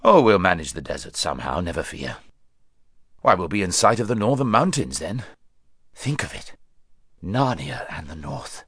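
A proud, fussy talking warhorse from a storybook, as a man reads him out. The voice sits very deep and swings up and down with feeling, grave and a bit anxious about looking dignified. The sound is dry and close. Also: big pitch swings, moderate pace, long pauses, a bit bright, breathy edge, no room sound, exaggerated voice. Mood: confident.

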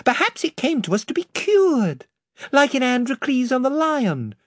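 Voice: sits high, big pitch swings, normal speed, dry recording, clean studio sound, pitched above the performer's own voice. A reader voicing a kind, earnest young girl in an audiobook. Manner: earnest, compassionate. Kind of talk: audiobook reading.

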